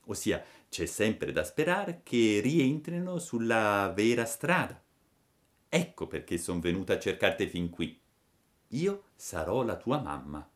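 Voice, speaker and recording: A man reading a storybook, voicing a gentle but stern fairy mother in a soft, low, measured voice. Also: sing-song.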